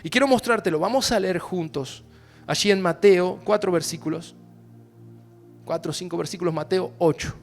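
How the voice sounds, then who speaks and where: A man with an Argentine accent preaching a sermon as pastor, climbing to loud, emphatic shouts on the key lines. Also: high-pitched, moderate pace, faint music behind. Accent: Argentine Spanish. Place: church service.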